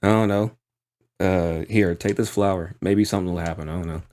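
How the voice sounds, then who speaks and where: A man's voice: sits low, steady tone, a little fast, darkish tone, voice pushed down, natural voice. A man voicing an earnest, remorseful, injured man in a tabletop roleplaying game. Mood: unsure.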